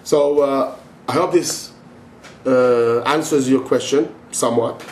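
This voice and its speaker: A man's voice: medium pitch, fairly even intonation, slow, a little mellow. Emphatic middle-aged man, echoey room. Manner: emphatic, repeats himself, rising and insistent. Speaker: religious teacher answering a question. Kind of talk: impassioned monologue to camera. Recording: echoey room with faint noise.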